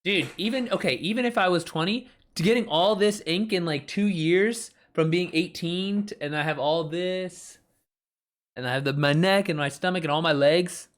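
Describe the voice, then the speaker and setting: With a high-pitched voice at normal speed, a male author in his thirties chats casually on a live stream through a streaming mic. He wanders from point to point, restarts often, drops plenty of fillers, and talks back to his chat.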